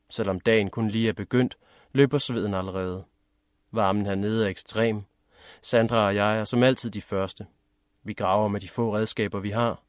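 A man narrating a first-person story in a measured, steady reading. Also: lowish voice, no echo, clean studio sound. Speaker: audiobook narrator.

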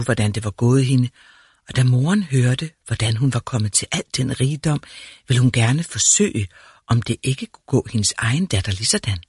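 Calm male fairy-tale reader. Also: mid-range voice, slightly rough, dry recording, studio quality. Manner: calm, measured storytelling. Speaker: narrator.

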